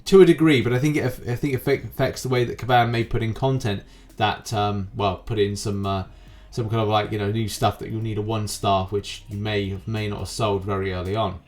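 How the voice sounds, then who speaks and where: With background music behind him, a man runs a semi-scripted YouTube gaming news show, his commentary wordy and rambling in presenter style. His voice is lowish and darkish, flat in delivery and a little fast.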